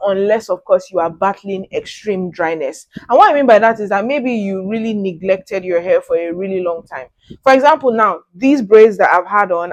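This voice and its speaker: A young woman hosting a casual hair-care vlog, talking to camera in a sassy, animated way with big jumps in pitch. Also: dry recording, poor audio. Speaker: natural hair vlogger.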